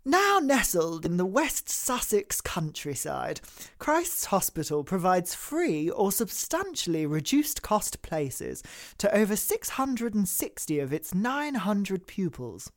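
A woman putting on a posh, pompous columnist voice. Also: mid-range voice. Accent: put-on posh English. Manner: exaggerated upper-class reading voice. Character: posh pompous private-school alumnus writing an opinion piece.

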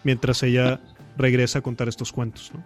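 A man's voice: mid-range voice, level tone, fairly quick, soft background music. A man, a podcast guest and author, talking casually with slang and many fillers.

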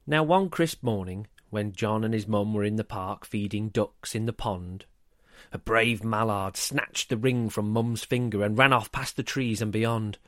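A man narrating a rhyming children's story in a lively, expressive way. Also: lowish voice, a little slow, dry recording, clean studio sound.

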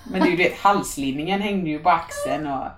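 A woman's voice: low-pitched, far from the mic, slight background noise. Wry woman, off-mic in an echoey room. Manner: wry, joking, laughs often. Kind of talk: casual chat.

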